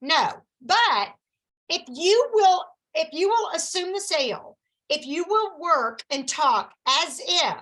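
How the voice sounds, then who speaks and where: A woman coaching her sales team in a lively, chatty, encouraging way, with folksy asides. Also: very high-pitched, slow, poor audio.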